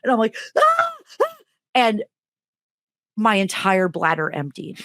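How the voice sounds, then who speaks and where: Speaking a little slowly, a middle-aged woman who teaches and co-hosts a podcast tells a comic story casually, bringing the quotes to life with big pitch swings. There's no room sound, and the audio is studio quality.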